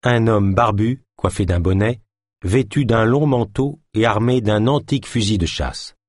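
A man reading an audiobook as narrator with expressive storytelling. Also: on the low side, measured pace, no room sound, studio quality. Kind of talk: scripted narration.

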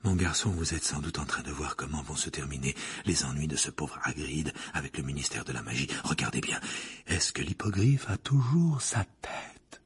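A man reading an audiobook, voicing an eccentric older female seer who speaks in slow, hushed, breathy tones. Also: very deep voice, animated, voice pushed down, full character voice. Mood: mysterious hushed. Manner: slow, mysterious, then harsh trance voice. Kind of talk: audiobook character voice.

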